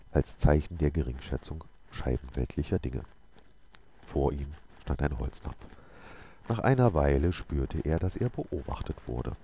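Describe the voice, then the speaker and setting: Very deep gravelly male reader. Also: a little hiss or hum. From Germany. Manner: steady storytelling with occasional slips. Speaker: let's play host reading aloud. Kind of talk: reading a novel aloud.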